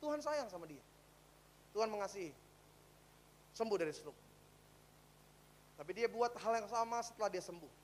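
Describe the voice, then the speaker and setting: A preaching pastor, a man with a high, light voice. He moves between loud calls to the congregation and quiet, close storytelling. A faint hum sits under the recording. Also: animated, moderate pace, long pauses. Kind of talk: sermon.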